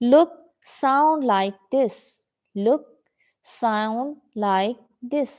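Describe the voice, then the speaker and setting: A woman teaching spoken English in an online class. She says model sentences slowly and clearly for students to repeat, and calls out student names to check their answers. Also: medium pitch, mellow. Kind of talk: online class, bilingual drill.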